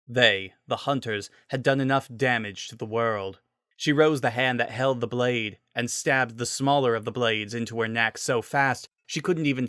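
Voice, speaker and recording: A man's voice: mid-range voice, fairly bright tone, smooth, no echo, studio quality. A man reading a scripted story as its narrator, in a dramatic style.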